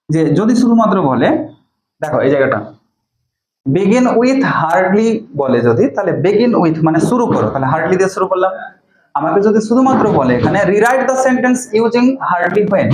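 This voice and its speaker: A man teaching English grammar, explaining step by step, dictating example sentences slowly and asking questions he then answers himself. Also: sits high, a little mellow, roomy sound, low-quality recording. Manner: slow and deliberate when dictating sentences, asks and answers his own questions. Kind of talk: classroom-style lesson, explaining step by step.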